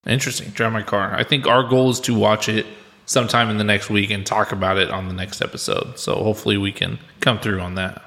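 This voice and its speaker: A man with a bright, forward voice hosts a casual movie podcast. He talks in a loose, chatty way, with the sound of an empty room around him. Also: on the low side, flat delivery, brisk, vocal fry. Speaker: podcast host. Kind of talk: casual film podcast chat.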